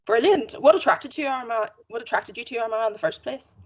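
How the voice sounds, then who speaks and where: A woman's voice: fairly high pitch, a little fast. A woman hosting an interview, asking questions in an upbeat, encouraging way. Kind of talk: interview host.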